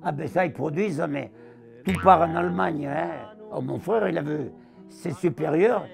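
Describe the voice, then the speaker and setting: A gravelly-voiced war veteran in his nineties from southern France recounts his wartime memories in an interview, speaking with a southern French accent. Animated, he acts out the voices he quotes; his voice sits on the high side at normal speed, with soft music in the background.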